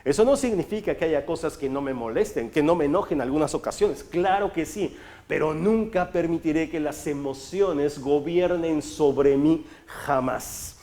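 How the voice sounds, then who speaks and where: A man's voice: a little high, moderate pace. A man giving a motivational talk as a coach, telling stories and asking rhetorical questions. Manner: storytelling, rhetorical questions, animated sound effects.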